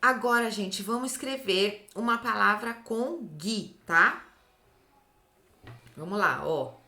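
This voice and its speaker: A Brazilian Portuguese woman teaching phonics to young children, stretching out syllables slowly and checking in after each point. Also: medium pitch, expressive, vocal fry, sharp tone, roomy sound. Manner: slow, drawn-out syllables, often ends with "tá?". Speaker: literacy teacher. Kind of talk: slow, clear phonics lesson for children.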